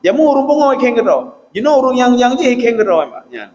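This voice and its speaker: A man preaching a sermon, animated and often turning to his listeners with "Pak". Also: extremely high pitch, brisk. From Aceh, Indonesia. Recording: echoey hall with long reverb.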